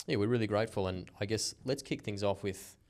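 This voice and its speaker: A man's voice: fairly low pitch, fast, darkish tone. A man hosting a casual podcast interview, friendly and rambling with restarts and filler words. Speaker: podcast host.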